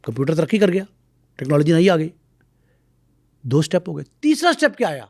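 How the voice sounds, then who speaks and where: Man, middle-aged, talk-show guest, high lively voice, storyteller, dry sound. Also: no room sound. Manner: lively, acts out quoted voices. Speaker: guest expert.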